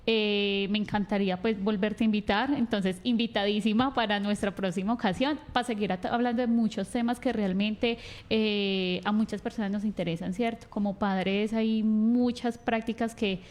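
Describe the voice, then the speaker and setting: A woman's voice: medium pitch, steady tone, moderate pace. A woman hosting a talk show, affirming her guests and wrapping up the segment. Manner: affirming, warm closing remarks, frequent agreement. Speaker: host.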